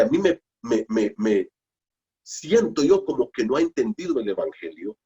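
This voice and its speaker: A man's voice: medium pitch, a little mellow. A man preaching a Bible study sermon, emphatic, repeating phrases and asking rhetorical questions. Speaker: pastor.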